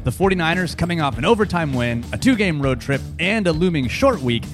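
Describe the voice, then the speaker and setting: A man's voice: fairly high pitch, lively intonation, a little fast, over music. A man hosting a casual sports podcast, a bit nasal from seasonal allergies, chatty and joking. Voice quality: nasal from cedar fever. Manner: chatty, joking, loose fillers and laughs. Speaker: podcast host.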